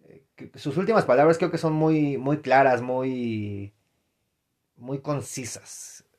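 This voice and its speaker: A young man with a Mexican accent, host of a casual solo podcast, talks slowly to his listeners in a darkish, middle-pitched voice. He meanders as he thinks aloud, often restarting or correcting himself and tossing in slang and fillers.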